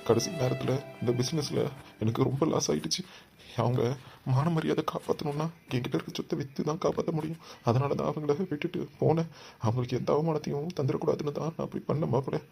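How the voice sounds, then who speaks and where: A man voicing a gravelly grieving cartoon father. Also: a little high, fairly even intonation, fast talker, a little mellow. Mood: remorseful. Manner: pleading, wailing. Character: grieving middle-aged father, soft-hearted and fearful. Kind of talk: Tamil cartoon dubbing. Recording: music bed under voice.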